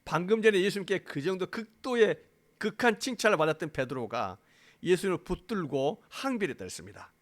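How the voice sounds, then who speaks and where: Animated pastor preaching. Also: male voice, high-pitched, brisk. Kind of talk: sermon. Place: church sanctuary.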